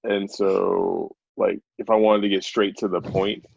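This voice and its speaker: A man with a low, gravelly voice hosts a podcast in a laid-back, chatty way. He laughs easily. The sound is dry and a bit dull. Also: flat delivery, a little slow, darkish tone, no room sound. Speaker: podcast host. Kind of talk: casual podcast chat.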